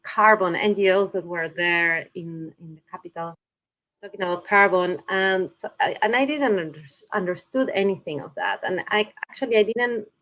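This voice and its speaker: This woman, a climate researcher from Peru, is a remote podcast guest on a video call. She talks at normal speed in a mid-range voice, and the sound is lo-fi. She is reflective, often starting sentences over as she looks for the right words.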